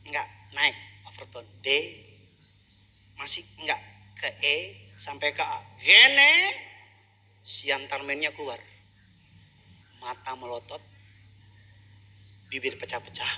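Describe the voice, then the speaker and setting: A male pastor delivering a humorous sermon, telling jokey stories and building up to loud preaching. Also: mid-range voice, little pitch movement, measured pace, long pauses, slightly rough.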